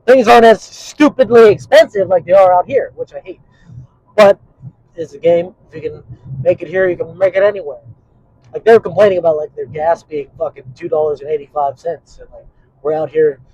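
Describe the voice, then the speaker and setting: A man's voice: high-pitched, fairly quick, darkish tone, breathy edge, low-quality recording. A man vlogging in a casual, rambling monologue, swearing often and trailing into fillers. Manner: profane and rambling, with frequent fillers.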